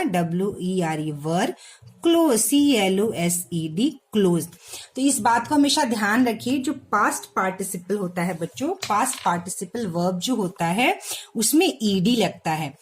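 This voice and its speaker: A woman teacher explaining a lesson to children, spelling words out letter by letter and often checking if they follow. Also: medium pitch. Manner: repeats and checks with "ठीक है?"; addresses children directly.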